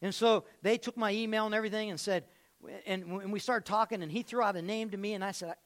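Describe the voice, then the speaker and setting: A man's voice: high-pitched, steady tone, fast. A man preaching a sermon as pastor in a church, emphatic and repeating phrases, with joking asides. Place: church sanctuary.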